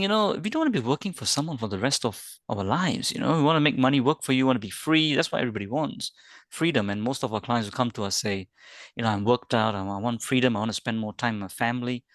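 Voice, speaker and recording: A man's voice: mid-range voice, a bit bright, dry recording. A man in his forties from Singapore, a company founder, chatting as a webinar guest and laughing through his stories. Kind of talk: casual interview chat.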